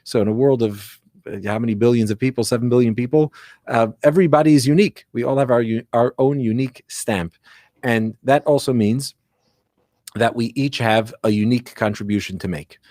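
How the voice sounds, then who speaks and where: Male rabbi, conversational teacher, reflective and questioning, medium pitch, very little room sound. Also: fairly quick, dark tone, dry recording, studio quality. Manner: reflective, often posing questions to himself and checking with "right?". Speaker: rabbi giving religious guidance. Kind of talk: explanatory religious teaching in conversation.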